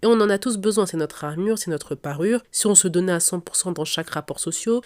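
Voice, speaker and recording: Her voice is fairly low, a little mellow and fairly quick, though congested and nasal because she has a cold, a blocked nose and a sore throat. The young woman is hosting a podcast, chatting advice directly to listeners in a relaxed monologue with soft music behind her.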